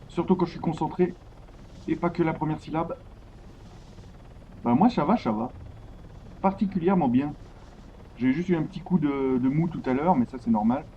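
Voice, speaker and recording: Excitable man streaming a game. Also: on the high side, normal speed, pauses often. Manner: excitable, swears a lot, chats to viewers. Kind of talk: live gameplay commentary. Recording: dull lo-fi stream audio with faint noise.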